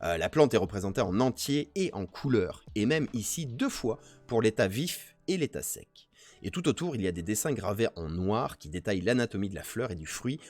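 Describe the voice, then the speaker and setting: French man, low voice, very lively pitch, casual stream commentary, music faint behind. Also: brisk. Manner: reads text aloud then jokes and chats with viewers. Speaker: Twitch streamer doing a nature press review.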